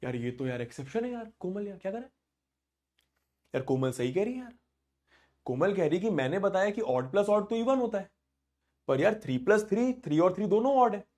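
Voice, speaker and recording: Playful high-voiced young male math teacher. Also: big pitch swings, moderate pace, pauses often, a little mellow. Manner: playful teasing, thinks aloud. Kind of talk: casual live class.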